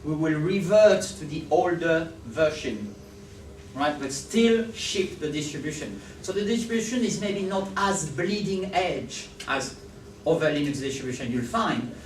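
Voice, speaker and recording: A man with a fairly high voice and a French accent is giving a talk in a large conference hall. He's animated, often asking if listeners follow him and seeking their agreement. The recording is distant and roomy, with a little hiss or hum.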